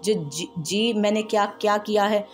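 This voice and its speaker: A woman's voice: mid-range voice, moderate pace, faint music behind, lightly acted. A woman voicing a frightened young wife in a storybook reading, stammering and pleading.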